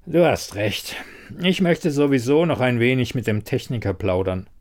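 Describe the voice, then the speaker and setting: A man's voice: mid-range voice, lively intonation, normal speed, lightly acted. A man voicing a ruthless foreign king in a fantasy audiobook, speaking with scorn and menace. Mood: mocking. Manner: hissing, threatening, scornful.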